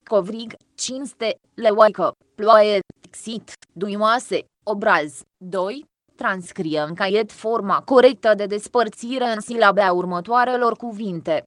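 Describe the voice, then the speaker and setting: A woman reads out a grammar lesson in a steady, measured voice and pauses between each rule and example word. Her voice sits at a middle pitch. The recording is dry and close, with no room sound. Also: dry recording. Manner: clear, measured dictation of rules and examples. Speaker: teacher. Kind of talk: scripted lesson narration.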